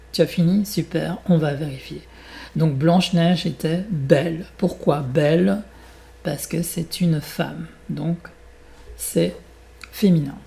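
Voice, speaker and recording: With a French accent, he reads out a fairy tale as a French lesson and follows it with exercises he explains slowly and deliberately. There's vocal fry in his slightly high, mellow voice.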